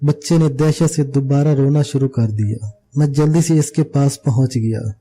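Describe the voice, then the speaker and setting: A man's voice: medium pitch, fairly even intonation, normal speed, mellow. A man reading a novel aloud as an audiobook narrator, telling the story steadily and voicing every character himself.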